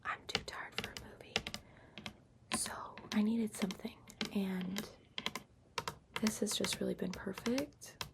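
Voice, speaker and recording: This ASMR vlogger, a woman, whispers softly at a medium pitch and a steady tone, taking her time with a rambling talk. She sits up close to her laptop's built-in mic, so the lo-fi sound picks up obvious background noise, including tapping and scratching like a keyboard.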